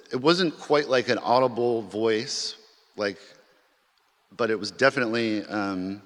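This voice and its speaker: Addressing a symposium in a large chapel, a man tells a personal story conversationally, full of fillers and restarts. His voice is fairly low and fairly bright, and the recording carries a long hall reverb.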